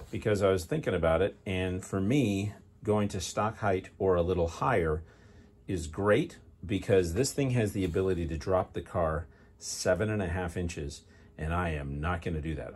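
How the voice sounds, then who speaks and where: Low-voiced man explaining garage work. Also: creaky, a little mellow, slight background noise. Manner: explains as he works, thinking aloud. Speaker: hobby car restorer. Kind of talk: casual workshop narration. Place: garage workshop.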